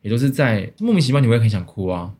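A young man with a Taiwanese Mandarin accent, co-hosting a casual podcast chat, rambling with many restarts and quick laughs. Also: medium pitch, sing-song, a little mellow, slightly rough. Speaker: podcast co-host.

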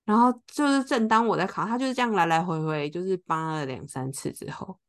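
On a podcast she co-hosts, a woman with a fairly low, slightly fast voice recounts a story in relaxed chat. She brings it to life by acting out the people's lines.

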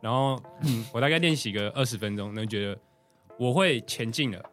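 A young man with a Taiwanese Mandarin accent telling a story in casual podcast chat, animated, laughing often and acting out what people said. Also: mid-range voice, brisk, soft background music. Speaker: podcast co-host.

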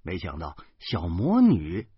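A man narrating an audiobook in a lively, colloquial storytelling manner. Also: low-pitched, slow, husky, no room sound, muffled recording.

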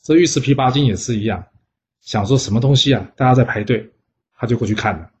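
A man's voice: mid-range voice, fast. A man telling an old legend in a casual, chatty storytelling voice, full of little fillers. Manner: lively, chatty, with frequent "呢" fillers. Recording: dull lo-fi sound.

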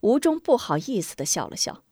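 A woman storyteller reading a martial-arts tale in an expressive way. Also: fairly high pitch, fairly quick, dry recording, clean studio sound. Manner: expressive, acts out characters.

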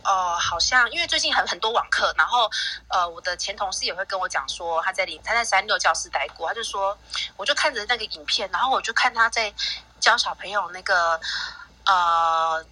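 A woman's voice: mid-range voice, fairly quick, pushed and bright, poor audio. A mother sharing a parenting story in a casual, rambling way, with many restarts and fillers. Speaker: guest parent. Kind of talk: casual sharing on a live audio chat.

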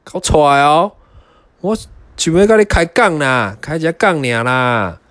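A man's voice: fairly high pitch, sing-song, moderate pace, a bit bright, no echo, voice pushed up. A man doing a growling big bad wolf. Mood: menacing. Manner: growling, coaxing and bellowing.

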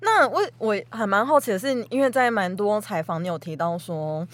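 Fast, animated woman with Taiwanese Mandarin accent. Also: medium pitch. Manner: inquisitive, direct. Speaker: podcast interviewer. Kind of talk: casual conversational interview.

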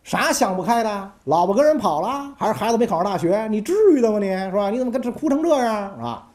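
A woman's voice: mid-range voice, lively intonation, fast talker, darkish tone, close to an everyday voice. A woman voicing an idle, carefree male king of ancient times who teases his courtiers in a raised, flippant voice. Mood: teasing.

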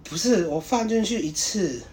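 A man's voice: high-pitched, animated, normal speed, darkish tone, slight background noise. A young man, telling a candid personal story as a podcast co-host, rambling and breaking into embarrassed laughter.

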